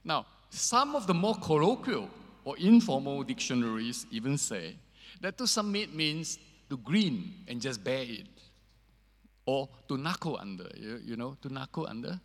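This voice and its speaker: Male preacher, mid-pitched, measured and hesitant sermon delivery, long cathedral echo of a big church. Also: big pitch swings. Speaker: preacher leading an evening church service. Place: large reverberant church, speaking to a seated congregation.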